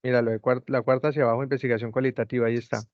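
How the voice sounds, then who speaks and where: A man's voice: mid-range voice, level tone, rapid-fire, no room sound. A man tutoring an online class over a video call, patiently repeating step-by-step instructions. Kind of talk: guiding students through a video call. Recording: dull lo-fi call audio, dry.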